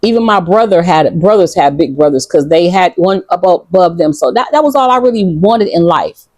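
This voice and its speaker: Outdoors in Ghana, a woman vlogger with a Detroit accent, originally from Detroit, United States, addresses her viewers on camera in a blunt, casual, defiant and profane way. Her lowish voice has a darkish tone with no echo. She's expressive and speaks fairly quickly.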